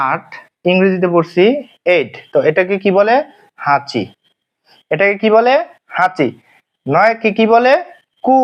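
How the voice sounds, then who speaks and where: A man teaches a language lesson in a fairly high voice. He circles back over each point, asking a question and then answering it himself, with frequent hesitations. The recording sounds muffled and lo-fi. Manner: repetitive, asks and answers own questions, many fillers. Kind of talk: classroom lesson explanation. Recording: dull lo-fi sound.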